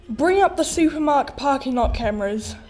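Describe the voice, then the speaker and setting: A woman's voice: high-pitched, darkish tone, slight background noise. A woman playing a tired but determined male detective who sighs and gives firm orders.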